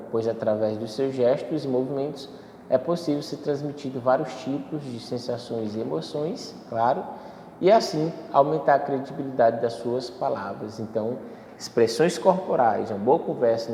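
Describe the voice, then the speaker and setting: This public speaking instructor has a mid-range, slightly mellow voice and explains things in steps, with plenty of fillers and self-corrections. Recorded in an echoey hall, there's faint ambience and slight background noise.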